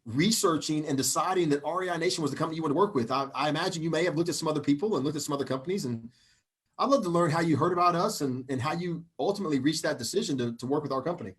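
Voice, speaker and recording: Husky Southern-accented male host. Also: on the high side, fairly bright tone. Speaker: show host. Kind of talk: live video interview.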